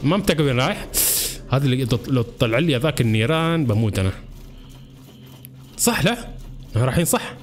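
A man with a Gulf Arabic accent giving excitable gameplay commentary to his viewers, yelping when in danger. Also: mid-range voice, quick pace, long pauses. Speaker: gaming channel host.

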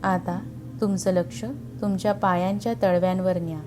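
A woman narrating a guided meditation in a calm, soothing, unhurried way with long pauses, over background music. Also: fairly low pitch.

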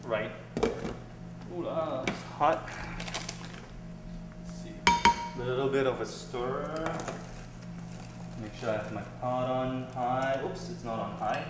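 Cooking in a big indoor kitchen, a young adult from Singapore hosts his show in a relaxed, halting way, filling pauses with many "ums." His mid-range voice comes through a far-off camera mic, so it sounds roomy and has noise behind it.

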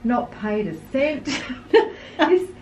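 Wry woman, slightly high. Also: big pitch swings, slow, a little mellow, a little hiss or hum. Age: adult, no longer young. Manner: wry, self-mocking humour. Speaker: guest co-presenter. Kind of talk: casual chat. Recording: roomy echo.

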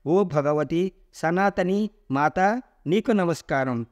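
A man's voice: on the high side, slow, a little mellow, dull audio. A man voicing personified scriptures who recite a devotional hymn of praise to a goddess in a mythological story reading. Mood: reverent. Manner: devotional, chant-like listing.

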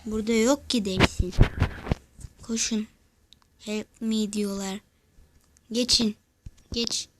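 Woman chatting thru a mobile game for her viewers, excitable, slow unhurried pace. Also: medium pitch, background noise. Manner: excitable, talks to viewers while playing. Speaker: gaming channel host. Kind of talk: mobile gameplay commentary.

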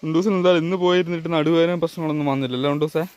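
A man's voice: fairly high pitch, fairly even intonation, very fast, a little mellow, clear, resonant tone, no room sound, highs cut off. A man talking casually to his vlog viewers at home, rambling and searching for words as he goes. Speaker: family vlogger. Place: at home, partly outdoors.

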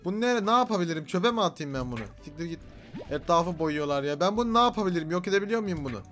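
A young man giving frantic let's-play commentary, yelling and swearing at creatures. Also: high-pitched, expressive, very fast. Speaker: gaming YouTuber. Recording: game music underneath.

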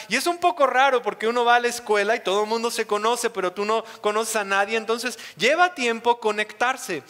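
A man's voice: high-pitched, bright, forceful tone. A young adult man with a Mexican accent, preaching a sermon in a church and playfully acting out quoted voices. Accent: Mexican Spanish. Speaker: pastor. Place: church hall. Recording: reverberant church hall.

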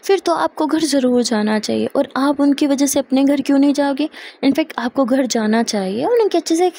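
Playful teasing young lover, read by a woman storyteller; mellow and a bit gravelly. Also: high-pitched, lively intonation, fairly quick, pitched above the performer's own voice. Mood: coaxing. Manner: playful, coaxing, affectionate.

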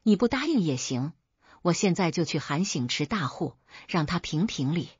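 A woman's voice: lowish voice, big pitch swings, moderate pace, darkish tone, breathy edge, no room sound, heavily acted. A woman voicing a sly, lecherous male night watchman in a storybook tale, speaking with a leer. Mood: sneering. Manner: leering, sneering. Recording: dull lo-fi dry recording.

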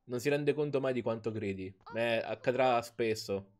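A man's voice: medium pitch, normal speed, darkish tone. A man casually commentating a video game in a playful, joking way, explaining details to his viewers. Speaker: let's play host.

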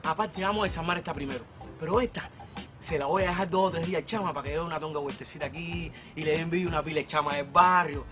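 An actor playing a brash, streetwise bicycle thief in a Cuban TV police drama, talking with a Cuban accent. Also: male voice, a little high, fast talker, music in the background, natural voice.

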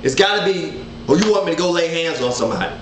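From his living room, a man in his thirties leads a casual online Bible study, his fairly high voice fast and expressive. Earnest and gesturing freely, he often repeats words while gathering his thoughts. The desk-distance webcam gives roomy home audio with slight background noise.

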